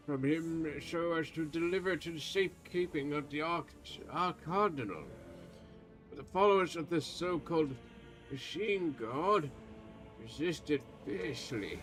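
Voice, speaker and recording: A man's voice: on the high side, a bit bright, voice pushed up, poor audio. A man doing a pompous old pontifex. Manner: formal archaic speech, haughty and accusing. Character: aging male church pontifex, stern, pompous, secretive.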